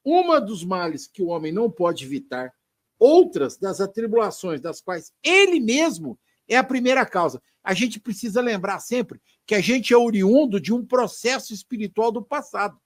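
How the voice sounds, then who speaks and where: Lively co-host man, dry close sound. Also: high voice, moderate pace, no echo. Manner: lively, friendly, teasing. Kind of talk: casual religious talk show.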